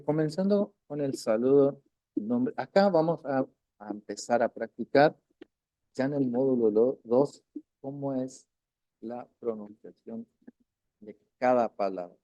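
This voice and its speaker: A man leads a language class in a patient, repetitive way, slowing down to sound out each word. His voice is mellow and dark. The recording is dry and close, with a dull lo-fi sound. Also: mid-range voice, no echo. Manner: patient, repeats words slowly, frequent "¿no es cierto?". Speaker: language teacher.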